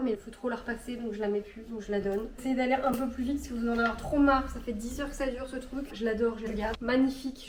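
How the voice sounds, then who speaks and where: A woman in her thirties, ill and with a rough, rusty voice, chatting in a casual, indecisive and self-mocking way as she sorts her clothes at home. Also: on the high side, a little mellow, echoey room, slight background noise. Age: 30s. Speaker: lifestyle vlogger. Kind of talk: casual chat sorting clothes.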